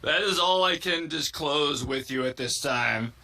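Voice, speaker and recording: Man putting on a solemn teacher, formal, slow, a little higher than his own voice. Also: creaky, sharp tone, heavily acted. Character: grave schoolteacher man, stiff and solemn.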